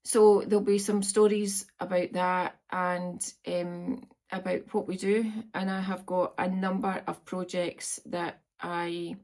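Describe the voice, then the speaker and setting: A Scottish woman in her fifties, with a lowish and a little mellow voice, chats casually to camera as a vlogger indoors at her farm home, meandering along with frequent ums.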